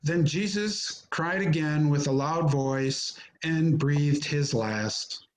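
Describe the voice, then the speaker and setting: A man narrating a scripture reading in a measured, solemn manner. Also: on the high side, rough recording. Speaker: narrator in a church Passion reading.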